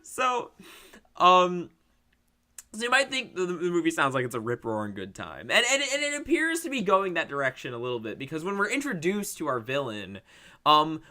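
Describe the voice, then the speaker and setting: A podcast co-host with a slightly high, sharp voice recaps a movie. His chat is casual, profane and rambling, and it keeps breaking into laughter.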